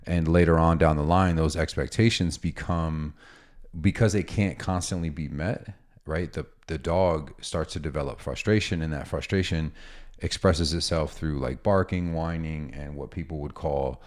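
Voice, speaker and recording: Very deep-voiced man explaining dog training. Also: normal speed. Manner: relaxed, explains with examples and asides. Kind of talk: casual instructional talk.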